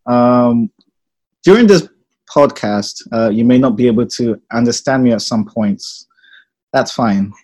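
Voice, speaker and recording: A man's voice: mid-range voice, unhurried, rough recording. A young man from Ghana who grew up in England, chatting casually as a podcast guest with plenty of ums. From Ghana, raised in England. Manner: relaxed, chatty, laughs easily, many ums. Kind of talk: casual chat.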